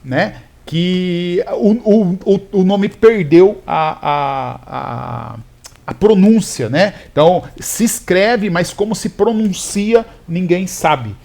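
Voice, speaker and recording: A male pastor explaining scripture in a casual chat, telling it with animated restarts and fillers. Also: high voice, slow pace, creaky. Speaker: pastor, podcast co-host.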